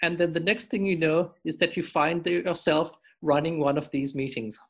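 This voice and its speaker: A man speaking over a video call, a little high for a man, with a gravelly and husky texture. He thanks his team in a halting, self-deprecating way, full of fillers and small restarts. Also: steady tone. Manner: hesitant, self-deprecating, many ums. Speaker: meeting host. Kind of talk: online meeting, casual thanks.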